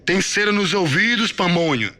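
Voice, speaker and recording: A man's voice: high-pitched, expressive, normal speed, pitched above the performer's own voice. A man with a Brazilian accent voicing a brutal, mocking army sergeant who barks insults at recruits. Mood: shouting, mocking. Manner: barking, shouting insults.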